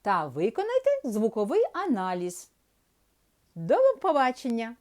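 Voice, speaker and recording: Slow, sing-song woman teaching children. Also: a little high, huge pitch swings. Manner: slow, drawn-out, sounds out syllables; addresses young pupils, asks and answers her own questions. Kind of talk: children's reading lesson.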